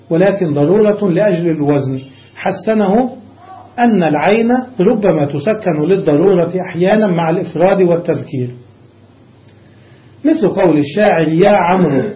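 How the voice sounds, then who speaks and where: A man with a high voice leads a classroom grammar lesson. He keeps asking his students rhetorical questions and drills word forms one after another. The recording is dull and lo-fi. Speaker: sheikh teaching Arabic grammar.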